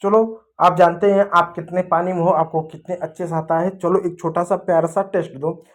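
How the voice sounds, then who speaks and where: A man with a slightly higher voice leads a children's English lesson. He works in a question-and-answer rhythm, firing off a question and answering it himself. He calls out example words slowly, louder than his running talk, and keeps coming back to the children with fond words. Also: little pitch movement. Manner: addresses children affectionately. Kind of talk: classroom-style phonics lesson.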